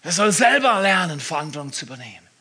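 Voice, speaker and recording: A man preaching a sermon, swinging from loud emphatic bursts to hushed whispers. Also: a little high, very animated, fast talker, breathy edge.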